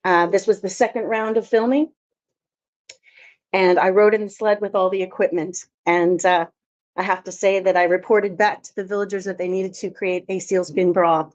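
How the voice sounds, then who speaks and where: This conference presentation comes from an Alaskan woman filmmaker who tells her story chattily through anecdotes. Her mid-range voice holds a steady tone at normal speed, recorded in dull lo-fi audio.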